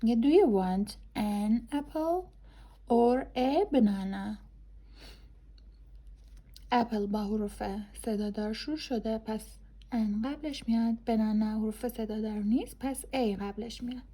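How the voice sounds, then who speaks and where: A woman English teacher, explaining grammar casually and reading example sentences slowly and deliberately. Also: on the high side, dark tone.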